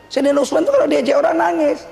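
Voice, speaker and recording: Man preaching, high voice, joking and emphatic, echoey hall with long reverb, faint background noise. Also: expressive, fairly quick, vocal fry, a little mellow, faint music behind. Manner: humorous, emphatic, jumps high in pitch. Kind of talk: religious lecture.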